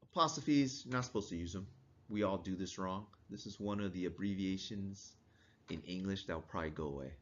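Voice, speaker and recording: A man's voice: low voice, fairly quick. A male instructor giving a casual classroom lecture, quizzing students and chuckling now and then. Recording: dull lo-fi recording.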